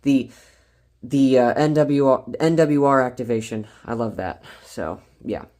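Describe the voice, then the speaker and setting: This enthusiastic collector presents his weather radios and scanners in a casual, rambling vlog style, stumbling over words often. He has a mid-range, slightly mellow voice and an unhurried pace.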